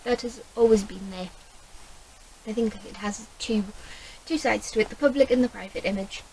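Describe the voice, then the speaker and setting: A woman's voice: fairly high pitch, moderate pace, dark tone, a little hiss or hum, low-quality recording. A woman with a Geordie accent chatting casually to camera about books, rambling and correcting herself as she goes. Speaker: book vlogger.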